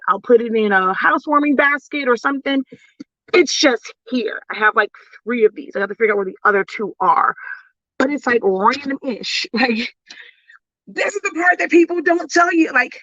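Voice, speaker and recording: A high-voiced woman rambles frankly to her viewers, exasperated and chatty as she sorts through supplies. Her voice swings up and down as she vents. The sound is dry and close, a little muffled and dull. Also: fairly bright tone, no room sound. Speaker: craft business educator. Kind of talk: casual vlog while sorting supplies.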